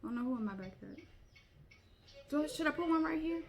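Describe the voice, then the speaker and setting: A young woman chatting excitedly while making a crafting tutorial, calling viewers y'all. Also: sits high, brisk, vocal fry. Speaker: crafting vlogger. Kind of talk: casual crafting tutorial chat.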